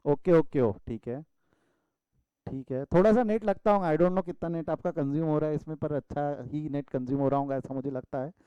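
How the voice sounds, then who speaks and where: A man's voice: fairly high pitch, fairly quick, smooth, dry recording, dull audio. A male commerce teacher from India giving an online class lecture over a video call, calling students "beta" and scolding them playfully.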